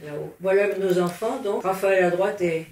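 A woman's voice: medium pitch, moderate pace, a little mellow. An older woman, an artist, recalling past work in a chatty, hesitant way with many restarts. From France. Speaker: artist interviewed. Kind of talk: casual recollection. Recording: echoey room, faint noise.

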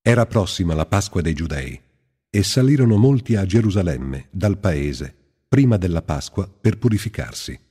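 A man giving a slow, measured, reverent scripture reading. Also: sits low, animated, dark tone, husky. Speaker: Bible reader. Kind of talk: solemn scripted Bible reading. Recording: long hall reverb.

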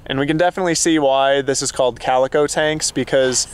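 A man's voice: medium pitch, steady tone, quick pace, clean tone. A young man vlogging outdoors to a handheld camera at arm's length, chatting easily with small laughs and sounding tired after a hike. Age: young adult. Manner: easygoing, chatty, laughs between phrases. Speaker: travel vlogger. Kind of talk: casual vlog talk to camera. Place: outdoors, desert trail and trailhead parking lot.

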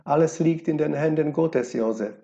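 A man's voice: a little high, normal speed, creaky, warm tone. A man voicing a young mother who speaks firmly and admonishingly to her husband. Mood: soothing. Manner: stern, admonishing. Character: stern young mother, firm and pleading. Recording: dull lo-fi recording.

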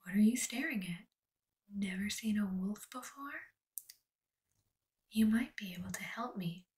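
Whispered role-play: a gruff male wolf , whispered by a woman, unhurried, slightly distant mic. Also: mid-range voice, a little mellow, close to an everyday voice.

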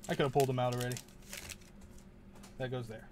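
Speaking fast in a steady, medium-pitched voice over a noisy background, a man hosts a casual card-pack unboxing for his channel. He rambles and mutters to himself, often unsure how to put things.

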